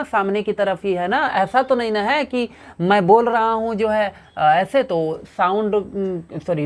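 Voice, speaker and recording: A man with an Indian accent teaching physics in a revision lecture, asking questions and answering them himself and reading English definitions slowly. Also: high voice.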